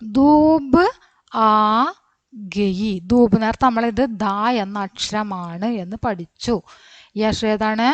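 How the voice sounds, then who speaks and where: Female teacher, patient and slow, spelling out letters, dry dull-sounding recording. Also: medium pitch, steady tone, no room sound. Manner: slow, patient letter-by-letter explanation with questions to pupils. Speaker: Hindi teacher. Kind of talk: online language lesson.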